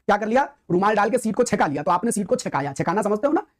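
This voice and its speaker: A woman's voice: mid-range voice, animated, rapid-fire. A woman teaching a grammar lesson, explaining with everyday examples, asking rhetorical questions and repeating key points with emphasis. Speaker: Hindi literature teacher. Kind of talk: classroom-style grammar lesson.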